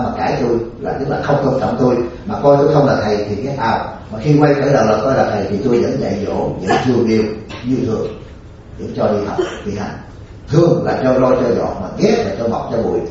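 Male monk, folksy teasing dharma talk, mid-pitched, heard from afar in a very echoey hall on a dull lo-fi recording. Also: a little mellow. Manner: folksy and joking, laughs often, checks in with listeners. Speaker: Buddhist monk teacher. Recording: distant, echoey, dull lo-fi with faint hiss.

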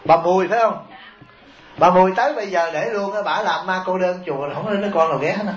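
Fast-talking and high-pitched, a Buddhist monk laughs his way through a comic sermon, often putting rhetorical questions to the listeners. It comes from an echoey, dull taped recording.

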